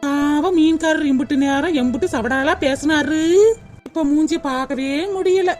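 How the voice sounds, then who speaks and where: Woman voicing a young cartoon villager, high-pitched, sympathetic, agreeable. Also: normal speed, music in the background, close to an everyday voice. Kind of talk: cartoon comedy voice acting.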